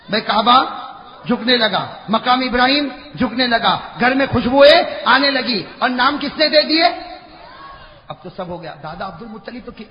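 High-voiced fiery male preacher. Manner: fiery, swinging between shouting and hushed talk, prompting the crowd to answer. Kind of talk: impassioned sermon to a crowd. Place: large religious gathering. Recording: echoey, dull-sounding hall recording with faint crowd.

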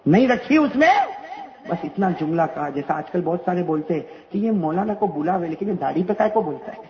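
A male preacher giving a storytelling sermon, animated and rhetorical, calling on the audience to answer back. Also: a little high, dull audio, slight background noise.

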